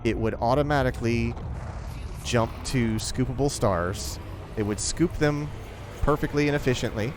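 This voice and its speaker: A man chatting casually while streaming a space game with friends, halting with many fillers and restarts. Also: medium pitch, noisy background. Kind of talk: casual gaming chat. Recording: music playing behind the voice.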